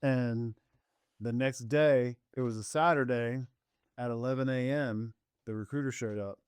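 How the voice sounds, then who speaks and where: A middle-aged man, a podcast co-host, spins a family story and slips into the voices of the people in it. His voice sits at an ordinary pitch, recorded close and dry with no room sound. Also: a little slow, smooth, no room sound. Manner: animated storyteller, acts out both sides of a conversation. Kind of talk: casual storytelling chat.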